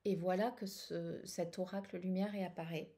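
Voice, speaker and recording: A middle-aged woman chatting about her card decks in a mellow, relaxed voice. She hesitates often, trailing off and restarting her sentences. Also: lowish voice, normal speed. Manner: hesitant, many fillers and restarts. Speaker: tarot channel host. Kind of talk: casual personal chat.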